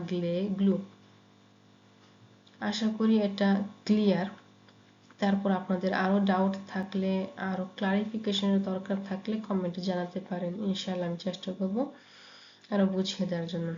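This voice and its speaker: A woman giving a pronunciation lesson, saying example words slowly and repeating each one. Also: mid-range voice, a little mellow. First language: Bengali. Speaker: Italian language teacher. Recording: echoey, dull lo-fi room sound.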